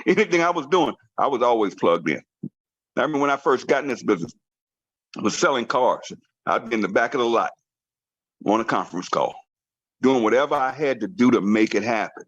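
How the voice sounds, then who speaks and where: Animated man giving an emphatic pep talk. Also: mid-range voice, brisk, husky, no room sound, highs cut off. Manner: emphatic, repetitive, preacher-like urging. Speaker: network marketing team trainer. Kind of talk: motivational training call. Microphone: conference call line.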